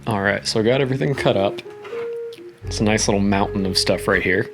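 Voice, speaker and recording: A man's voice: lowish voice, fairly quick, over music. A man casually narrating his cooking at home, rambling in a laid-back, profane way. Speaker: host of a cooking vlog. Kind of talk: casual chat while cooking, narrating each step. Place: home kitchen.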